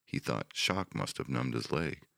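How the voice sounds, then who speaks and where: A man narrating a wartime history audiobook in a steady, measured manner. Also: extremely low pitch, gravelly, dry recording, studio quality.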